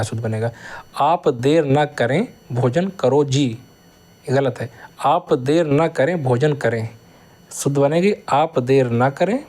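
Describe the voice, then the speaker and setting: A man running a grammar lesson in a mid-pitched voice. He reads each example sentence aloud at a deliberate pace, then rattles off the correction and the reason for it. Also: darkish tone. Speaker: teacher.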